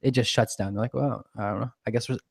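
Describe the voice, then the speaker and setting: A man from the United States co-hosting a live webinar, easygoing and quick to laugh. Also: mid-range voice, steady tone, creaky, breathy edge. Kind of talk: casual live webinar chat.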